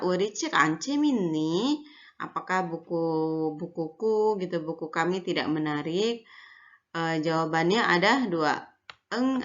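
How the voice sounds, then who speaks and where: A woman's voice: on the low side, a bit bright. A young woman lecturer giving a recorded online lesson, explaining in a casual way with frequent fillers and tag words. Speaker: university lecturer. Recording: dull lo-fi audio.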